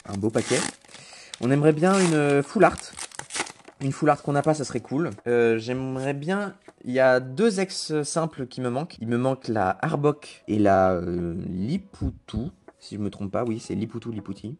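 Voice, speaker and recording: A young man chatting casually while opening trading card packs, who rambles between cards and breaks into excited shouting over good pulls. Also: mid-range voice.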